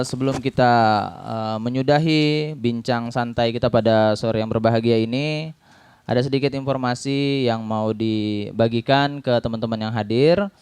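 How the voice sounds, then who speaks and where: A man's voice: medium pitch, a little mellow, clear, resonant tone, no room sound. A man hosting a talk event, wrapping up with announcements and frequent hesitations. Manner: hesitant with fillers. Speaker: event host. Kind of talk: closing announcements.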